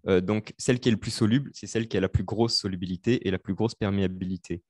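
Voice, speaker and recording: Young man tutoring, halting with fillers. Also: on the low side, fairly even intonation, darkish tone, no room sound, clean studio sound. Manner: hesitant, many fillers, explains step by step. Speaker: student tutor. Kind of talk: live online revision session.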